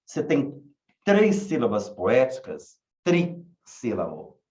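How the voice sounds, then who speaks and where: A man teaching a class, asking questions slowly and repeating key words. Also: medium pitch, huge pitch swings, a little mellow. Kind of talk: online class lecture. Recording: echoey room, dull lo-fi sound.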